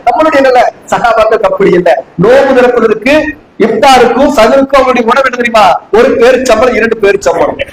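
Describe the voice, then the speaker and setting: A man from Tamil Nadu preaching a sermon to a congregation, asking them rhetorical questions again and again. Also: high voice. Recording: echoey room with faint background noise.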